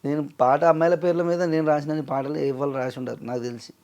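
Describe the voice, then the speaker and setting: A man's voice: fairly high pitch, steady tone, quick pace, darkish tone, highs cut off. A man, a singer and lyricist talking earnestly in an emotional interview. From Telangana, India. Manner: earnest, pleading, acts out quoted dialogue.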